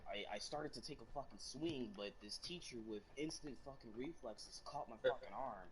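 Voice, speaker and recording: A teenage boy in casual chat telling an animated, profane story. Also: medium pitch, moderate pace, a little hiss or hum, low-quality recording.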